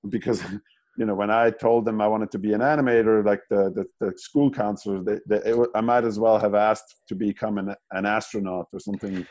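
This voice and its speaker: Low, mellow-voiced Swiss man. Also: fairly even intonation, fairly quick, poor audio. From German-speaking Switzerland. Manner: rambling, many restarts and fillers. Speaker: interview guest, animator. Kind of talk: casual interview.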